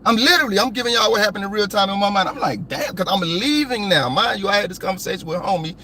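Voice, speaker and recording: A man's voice: high voice, quick pace, sharp tone, a little hiss or hum. A man hosting a live stream, ranting hotly and with plenty of profanity. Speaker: copwatch channel host.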